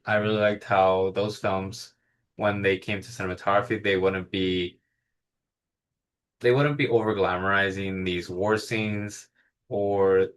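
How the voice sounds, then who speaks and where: A man's voice: lowish voice, fairly bright tone. A young man giving a class slide presentation in a casual, rambling way, full of fillers and restarts. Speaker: student presenter.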